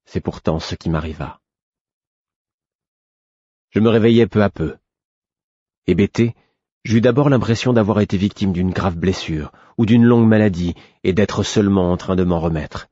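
A man narrating a novel in the first person, in a measured, even storytelling manner. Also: low-pitched, no room sound, dull audio. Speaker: audiobook narrator.

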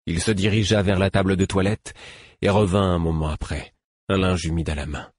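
A man reading a first-person novel aloud in a steady, measured way. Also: low voice, dry recording, clean studio sound. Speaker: audiobook narrator.

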